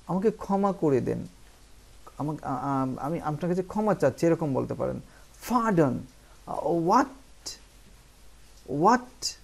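A man from Bangladesh teaching spoken English, explaining in Bengali and reading English phrases slowly with many hesitant fillers. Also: a little high, vocal fry, darkish tone. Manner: frequent "ah" fillers, asks "ঠিক আছে?".

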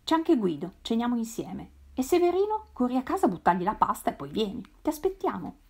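A woman's voice: fairly high pitch, very animated, fairly quick, a little mellow, voice pushed up. A woman reading a brash, coaxing friend. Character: worldly young woman, low voiced and brash. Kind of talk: literary read-aloud.

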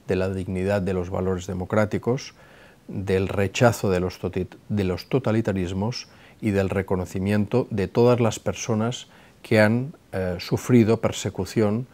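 A middle-aged man giving a formal talk to camera from his office, speaking in a measured way with frequent hesitations, on a lapel mic. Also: sits low, a little mellow. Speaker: director of a memorial institution, giving a talk. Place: office with a flag behind him.

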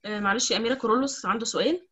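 A woman's voice: a little high, racing, bright, forceful tone, husky. A woman with an Egyptian Arabic accent moderating an online lecture. She thanks the speaker politely and passes questions to her. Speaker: session moderator. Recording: slightly dull lo-fi call audio.

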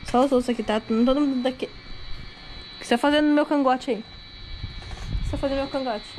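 A woman's voice: high voice, fairly even intonation, fairly quick, darkish tone, slight background noise, poor audio. Woman cooing baby talk at dogs. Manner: cooing, sing-song, repetitive. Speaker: vlogger talking to her pets. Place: home with dogs around.

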